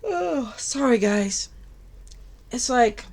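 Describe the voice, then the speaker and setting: A woman's voice: on the high side, animated, extremely slow, darkish tone. A tired woman hosting a crafting channel, talking casually to her viewers late at night. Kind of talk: casual tutorial talk to viewers.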